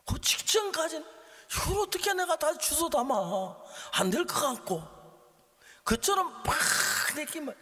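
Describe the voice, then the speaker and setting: A male pastor preaching a sermon, telling stories dramatically and dropping from shouts to hushed whispers. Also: on the high side. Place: large church or seminar hall. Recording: long hall reverb.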